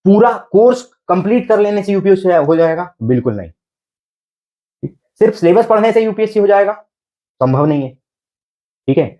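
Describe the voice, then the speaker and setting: A man's voice: high voice, expressive, moderate pace, pauses often, highs cut off. Coaxing male coaching teacher. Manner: coaxing, repetitive, rhetorical questions. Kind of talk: exam coaching lecture.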